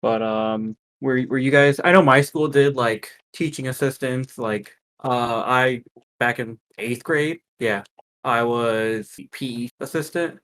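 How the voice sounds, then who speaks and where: A man's voice: medium pitch, a bit bright. Casting: young man, medium voice, podcast co-host, hesitant filler-heavy speech. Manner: halting, filler-heavy, jokey. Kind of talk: casual review chat.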